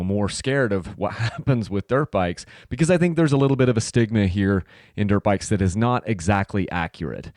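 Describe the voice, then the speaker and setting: A man's voice: lowish voice, darkish tone, no echo, clean studio sound. A man in his late thirties hosting a solo podcast, talking casually in a rambling way with many fillers and restarts. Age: 30s. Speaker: podcast host.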